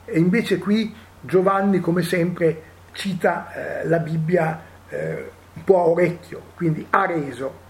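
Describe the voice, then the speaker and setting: A man's voice: on the high side, slow pace. A man. He talks in a reflective, thinking-aloud way and keeps checking in with his listeners with short questions. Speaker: Bible teacher. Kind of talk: Bible study talk.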